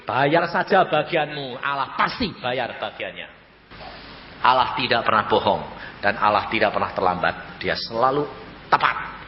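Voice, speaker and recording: An older man with a Javanese accent preaching a colloquial storytelling sermon, jumping between loud high exclamations and soft low asides, in an echoey church hall. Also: animated, moderate pace. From Java, Indonesia. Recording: echoey, slightly dull hall recording with faint ambience.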